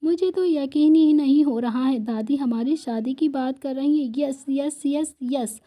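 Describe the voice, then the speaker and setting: A woman's voice: sits high, measured pace. A woman voicing an emotional young woman in a family story, pleading and tearful in turns. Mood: thrilled. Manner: pleading, then tearful, then excited.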